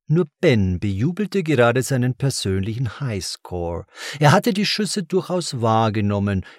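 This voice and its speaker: A man reading a novel aloud as narrator, in a measured and dramatic storytelling voice. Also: medium pitch, big pitch swings, no room sound, clean studio sound. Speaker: audiobook narrator. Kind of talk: scripted narration.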